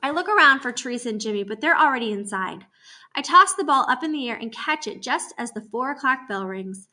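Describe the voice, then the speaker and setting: A woman teacher reading a novel aloud in first person, expressive and acting out the dialogue. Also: high voice, fairly quick.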